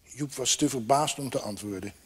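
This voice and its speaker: A man reading a children's story aloud in a lively, expressive way. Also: mid-range voice, moderate pace, breathy edge.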